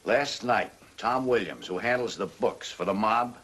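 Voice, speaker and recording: A hard-boiled police detective in an old crime drama. His voice is very low, with clipped, slangy, dryly mocking lines. There is some noise on the vintage soundtrack. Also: measured pace, fairly bright tone, rough recording. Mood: tough, scheming. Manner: clipped slangy tough talk.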